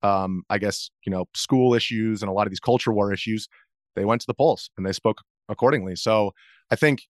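Answering casually as an interview guest, a video journalist in his thirties speaks in a hesitant, rambling way. His brisk, lowish voice comes through in clean studio sound without any room sound.

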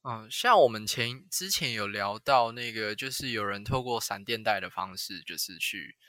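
Casting: male podcast host, Taiwanese accent, sharp bright voice, conversational, very dry sound. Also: fairly low pitch, lively intonation, moderate pace, no room sound. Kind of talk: casual chat.

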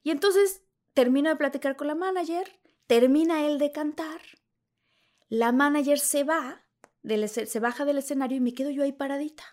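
A woman with a Mexican Spanish accent, a guest telling an anecdote in an animated way. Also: sits high, normal speed. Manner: animated, acts out the scenes. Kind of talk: storytelling anecdote.

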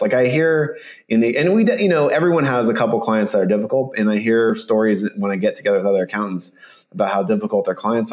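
A man's voice: on the low side, a little mellow. A man in a casual interview, speaking as a guest founder. His manner is chatty and informal, with some self-deprecation. The sound is slightly dull and lo-fi, as on a remote call. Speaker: podcast guest, startup accounting firm founder. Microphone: remote call with headphones.

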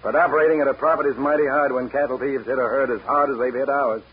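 A man's voice: mid-range voice, steady tone, fast. An actor playing a shifty, folksy ranch foreman with a drawling, evasive manner, in 1940s radio acting. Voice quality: raspy. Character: shifty, folksy man running a cattle ranch. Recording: dull old radio broadcast.

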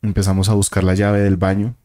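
Low mellow-voiced man telling a story. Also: little pitch movement, a little fast. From Colombia. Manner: vivid storyteller who acts out voices and sounds. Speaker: guest. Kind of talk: casual storytelling of a paranormal experience.

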